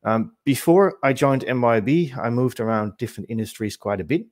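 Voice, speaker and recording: A man's voice: mid-range voice, animated, a little fast, a little mellow, no room sound. A man in his forties, originally from the Netherlands, giving a webinar presentation in a conversational way with fillers and self-corrections, on a video call mic. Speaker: webinar speaker. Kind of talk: presentation talk.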